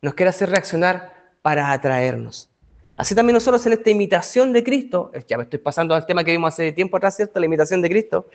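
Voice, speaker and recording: High-voiced pastor preaching. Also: male voice. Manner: conversational, asks the congregation rhetorical questions. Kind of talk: bible study sermon.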